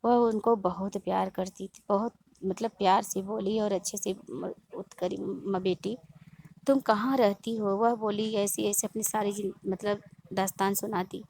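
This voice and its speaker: A woman tells a plain folk story in an unpolished, homely way, stopping and restarting mid-sentence. Her voice has a gravelly, creaky texture. A faint hiss sits under the recording. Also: mid-range voice, level tone, moderate pace, a little mellow. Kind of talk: casual storytelling narration.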